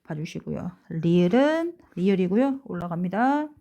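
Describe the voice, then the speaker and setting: A woman's voice: lowish voice, big pitch swings, normal speed, warm tone. Woman teacher drawing out key words. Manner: explains step by step, often checks with rhetorical questions; stretches out words and letter names when stressing them. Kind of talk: school lesson lecture.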